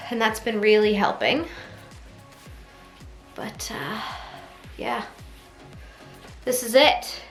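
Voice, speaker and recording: A woman's voice: on the high side, fairly bright tone, echoey room. A young woman chatting casually to camera as a vlogger, bubbly and laughing often, with a stuffy nose. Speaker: pregnancy vlogger.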